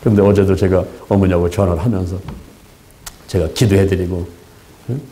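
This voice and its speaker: A man's voice: low-pitched, steady tone, normal speed, mellow. An older man preaching a sermon as a pastor, emphatic and repetitive, asking the congregation rhetorical questions. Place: church.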